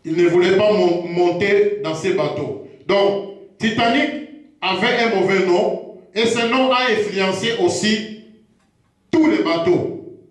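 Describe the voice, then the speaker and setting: Man, preacher, sermon teaching, repetitive, unhurried, strong echo. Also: high-pitched. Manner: slow, repetitive, hesitant. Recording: very echoey room.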